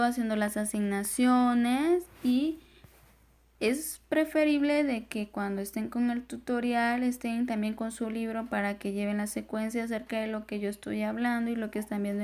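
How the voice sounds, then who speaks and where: A woman with a Honduran Spanish accent voices over slides for a recorded grammar lesson, patiently walking through each step. Her voice is fairly high-pitched with a darkish tone.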